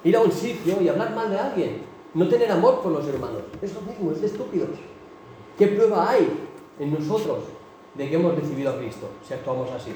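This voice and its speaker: A man's voice: high-pitched, animated, brisk, mellow, slight background noise. A man preaching a sermon with impassioned, emphatic delivery. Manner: impassioned, rising to emphatic bursts. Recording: echoey hall, mic from a distance.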